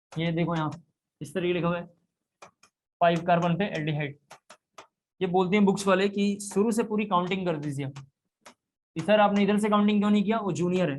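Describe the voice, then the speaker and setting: A man's voice: high voice, a little hiss or hum. A man teaching a chemistry class, explaining step by step and repeating key points. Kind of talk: classroom lecture.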